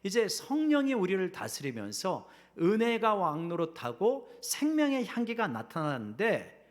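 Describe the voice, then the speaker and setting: A man's voice: sits high, wildly swooping pitch, measured pace. A middle-aged man preaching a sermon as senior pastor in a church, acting out quoted voices and dropping to a whisper at key lines. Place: church sanctuary.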